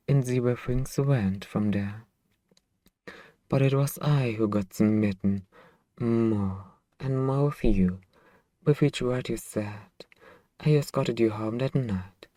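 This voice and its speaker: A male ASMR voice actor plays a centuries-old vampire master who is also a possessive, tender boyfriend in an intimate roleplay. He speaks softly and wistfully, letting his phrases linger, in a natural mid-range voice with no echo.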